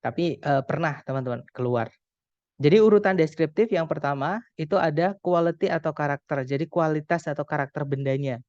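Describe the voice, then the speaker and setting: A man's voice: fairly high pitch, a little mellow, dry recording. Patient Indonesian man teaching English grammar. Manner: patient, explains slowly, often addresses students as friends. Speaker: English tutor. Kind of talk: online grammar lesson. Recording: dull dry call audio.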